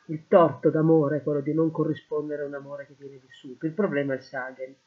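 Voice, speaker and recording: A man teaching a lesson, slowly translating Greek verse word by word into Italian. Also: fairly high pitch, level tone. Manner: slow, deliberate, translating word by word. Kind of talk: lecture on Greek poetry. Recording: phone-like lo-fi audio.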